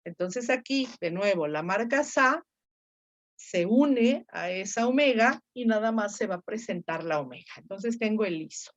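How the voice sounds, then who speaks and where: A woman's voice: medium pitch, animated, measured pace, highs cut off. A woman teaching Ancient Greek grammar, explaining patiently step by step and quizzing her students. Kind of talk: online grammar lesson.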